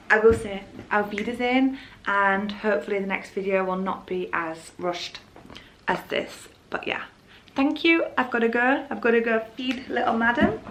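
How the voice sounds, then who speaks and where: With a medium-pitched, fairly bright voice, the young vlogger from Hull, Yorkshire, England, rambles casually and frankly to her viewers in a Yorkshire accent. There's a little hiss or hum on the recording.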